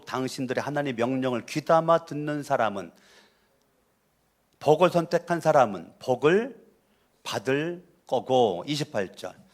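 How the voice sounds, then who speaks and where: A pastor from Chungcheong preaching a sermon, emphatic and repetitive, often calling on the congregation to answer. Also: male voice, medium pitch. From Chungcheong, Korea. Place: church sanctuary.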